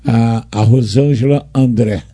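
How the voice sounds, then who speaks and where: A man's voice: medium pitch, unhurried, mellow, husky. A man with a Brazilian accent hosting a radio interview, friendly, often jumping in with short interjections. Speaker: radio host.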